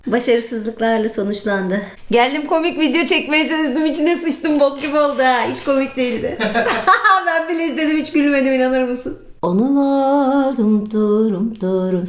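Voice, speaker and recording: A woman's voice: a little high, a little mellow. A woman telling funny childhood stories in a casual vlog, chatty and crude, laughing often. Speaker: vlogger. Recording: roomy echo.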